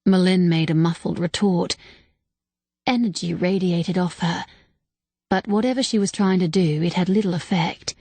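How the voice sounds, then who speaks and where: A woman reading a first-person audiobook narration in a steady, measured way. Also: on the low side, no echo.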